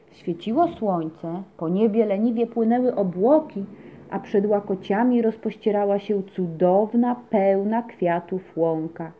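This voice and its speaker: A woman narrating a children's story with a gentle, expressive reading. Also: mid-range voice. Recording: dull lo-fi recording.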